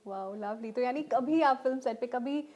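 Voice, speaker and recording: A woman's voice: a little high, normal speed, a little mellow, lo-fi sound. A woman interviewer asking a film actor questions in a friendly, encouraging way.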